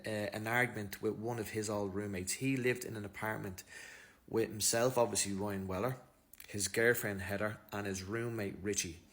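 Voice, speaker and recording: A man's voice: on the low side, fairly bright tone. Irish man casually retelling a case. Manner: loose, slangy retelling with fillers. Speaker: true-crime commentator. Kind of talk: casual storytelling over footage.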